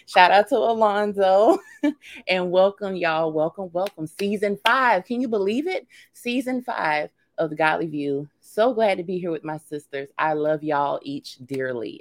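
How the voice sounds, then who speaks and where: A woman's voice: mid-range voice, no echo. A woman pastor and songwriter co-hosting a casual chat, bubbly and playful with frequent laughter. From Alabama.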